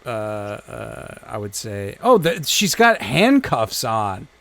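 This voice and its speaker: Slow, relaxed man in casual podcast chat. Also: on the low side, vocal fry. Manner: laid-back, halting, with many fillers. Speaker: podcast co-host.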